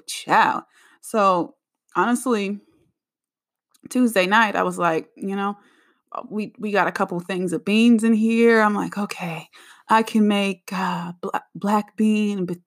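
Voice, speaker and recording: A young adult woman chats casually as the host of her own show. Her delivery is lively and animated, full of laughing asides. Her voice sits at an ordinary middle pitch for a woman. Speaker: podcast host. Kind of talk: casual solo chat.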